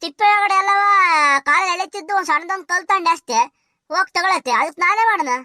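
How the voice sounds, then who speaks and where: A woman's voice: extremely high pitch, fast talker, bright, forceful tone, no room sound, studio quality. A woman voicing a brash, defiant village woman in a cartoon comedy, firing back retorts with a rural Karnataka Kannada accent.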